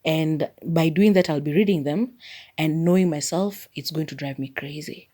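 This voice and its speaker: A woman with a deep, warm voice hosts a casual solo podcast, speaking at normal speed. She has a Kenyan accent, her first language is Maragoli, and she rambles chattily, leaning on "like" as filler.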